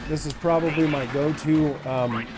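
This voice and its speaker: Playing a racing game for his gaming channel, a man in his forties rambles casually with plenty of fillers. His fairly high voice keeps a fairly even intonation and a slightly slow pace, with music and racing engine sounds behind him.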